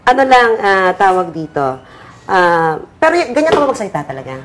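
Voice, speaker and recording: A woman's voice: medium pitch, very animated, fairly quick. A woman directing actors on a set, demonstrating lines and counting down takes. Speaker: acting director.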